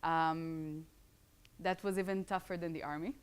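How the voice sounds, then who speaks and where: Her voice sits low with a clean tone and fairly even intonation, moving a little slowly. She's a woman in her thirties, an Israeli-accented startup founder with some English schooling, giving a casual talk to a live student audience. She's chatty and makes joking asides to the listeners.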